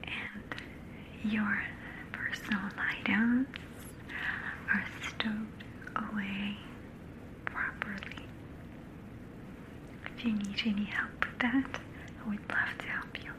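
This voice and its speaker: A woman speaks almost entirely in a soft whisper, playing a flight attendant for an ASMR roleplay. She talks very slowly and keeps pausing to gently check in. Her pitch sits in the ordinary middle for a woman. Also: flat delivery, poor audio.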